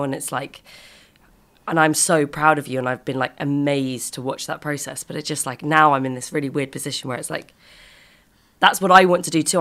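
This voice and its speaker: A young British woman speaks in a low, bright voice with a frog-like croak that lingers from a virus. Her chat is candid and intimate, feeling its way haltingly from thought to thought. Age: 20s. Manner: candid, halting, frequent swearing.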